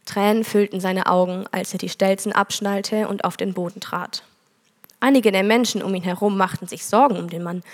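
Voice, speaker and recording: A woman's voice: mid-range voice, steady tone, moderate pace. Woman preaching in an echoey hall. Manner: earnest storytelling, reads scripture aloud. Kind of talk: sermon with a told parable.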